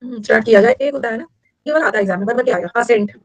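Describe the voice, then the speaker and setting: An Indian woman who teaches English for competitive exams explains vocabulary in a fast, chatty live online class, switching between Hindi and English. Her voice is on the high side, and the recording is dry and rough.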